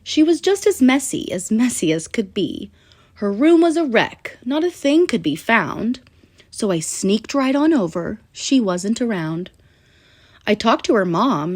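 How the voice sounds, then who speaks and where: Reading aloud from a rhyming picture book for children, a woman uses a lively, sing-song storyteller's manner and pauses deliberately. Her voice sits on the high side.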